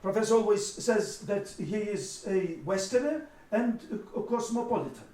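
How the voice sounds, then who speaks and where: A man whose first language is Lithuanian, moderating a roundtable in English, halting, with frequent fillers and restarts. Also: high voice, lively intonation, dark tone, slight background noise. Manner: hesitant, many fillers and restarts. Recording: roomy hall from far off.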